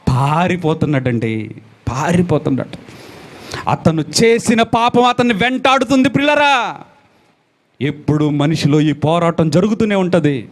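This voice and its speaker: A male pastor delivers a sermon, swinging from loud exclamations to low, quiet lines and repeating phrases for emphasis.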